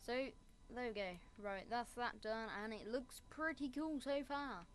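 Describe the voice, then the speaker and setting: In an unhurried, slightly high voice, a woman rambles through a casual Minecraft building tutorial, making fun of herself as she goes. There's slight background noise.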